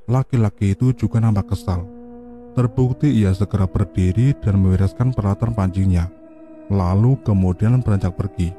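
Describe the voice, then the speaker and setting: A man narrating a horror story, reading in a steady, even storytelling way. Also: fairly low pitch, normal speed, soft background music. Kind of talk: scripted narration.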